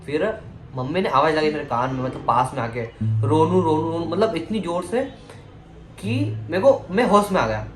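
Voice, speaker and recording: A man's voice: a little high, big pitch swings, normal speed. A young man telling a personal story in a casual vlog, rambling with restarts and fillers. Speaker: vlogger. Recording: echoey room with music behind.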